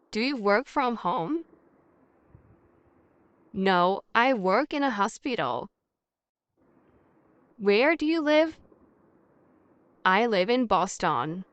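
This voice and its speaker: A woman's voice: medium pitch, a bit bright, clear, resonant tone, no room sound, lo-fi sound. A woman reading a scripted English practice dialogue, carefully enunciating each question and answer and repeating every exchange twice. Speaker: language teacher.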